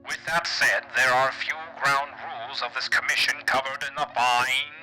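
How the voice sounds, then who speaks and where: A man doing a grand, bright old gentleman on a gramophone. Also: medium pitch, pitched below the performer's own voice, rough recording. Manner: formal, measured letter reading. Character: dignified old man reading his letter aloud. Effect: old gramophone-style filter. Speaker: streamer reading a game letter.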